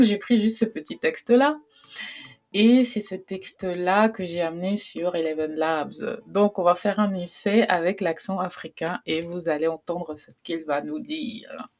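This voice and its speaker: Chatty woman with a lower voice. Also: a little mellow. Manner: chatty, hesitant, many fillers, laughs easily. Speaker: tutorial host. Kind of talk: casual screen tutorial.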